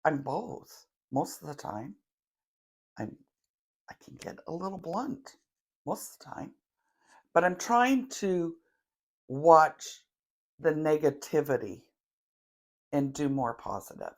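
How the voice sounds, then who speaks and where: A middle-aged woman leading a grounding meditation in a slow, chatty way, with self-deprecating asides and the odd cough. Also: deep voice, expressive, a little mellow. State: coughing now and then. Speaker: tarot reader leading a guided meditation.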